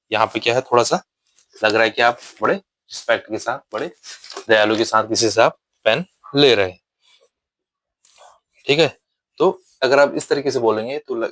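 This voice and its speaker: Low-voiced man teaching spoken English. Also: a bit bright, no room sound, poor audio. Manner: explains patiently, repeats example phrases slowly. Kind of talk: spoken English lesson in Hindi.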